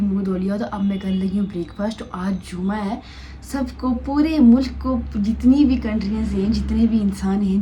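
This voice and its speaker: A young woman talks chattily to her viewers at home, her voice at a middling pitch. Faint household noise sits under her voice. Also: warm tone, poor audio. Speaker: vlogger. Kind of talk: casual daily vlog. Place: home kitchen and bedroom.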